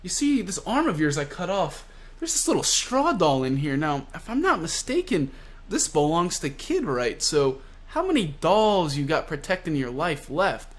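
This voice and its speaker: A man voicing a cocky, calm male pirate fighter who taunts his foe in a teasing drawl while retelling a comic. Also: fairly high pitch, normal speed, voice pushed up. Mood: smug.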